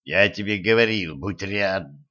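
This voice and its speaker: A man reading a stern, sarcastic immortal man who speaks slowly and low, with dry humor. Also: bright, forceful tone, muffled recording. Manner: slow, low, dryly mocking.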